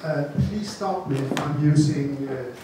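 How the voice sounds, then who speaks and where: A middle-aged, Danish-accented man from a gene bank raises his fairly high voice to address a seated audience in a large room, speaking a little slowly into a handheld mic. The far-off camera makes the recording echoey and very noisy, and his seminar style is informal and self-correcting.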